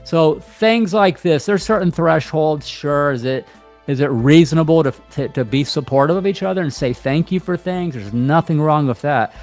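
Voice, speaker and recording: A man of ordinary pitch speaks casually and bluntly, like a counselor chatting to his viewers. He drifts into asides and brief mocking quotes, and soft music sits faintly underneath. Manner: blunt, conversational, mixes in asides and quick mock voices. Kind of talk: casual monologue to camera.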